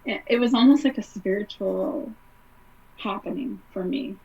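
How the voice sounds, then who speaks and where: A woman's voice: medium pitch, moderate pace, gravelly, darkish tone, husky. A woman, a guest on an interview podcast, telling a personal story in a casual, conversational way, with many fillers. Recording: slightly distant, dull podcast audio.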